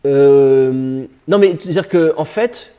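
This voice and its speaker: A man's voice: medium pitch, takes it slowly, dark tone, clear, resonant tone, lo-fi sound. A man teaching biblical Hebrew to a class, with a conversational, digressive manner and joking asides. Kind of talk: classroom lecture.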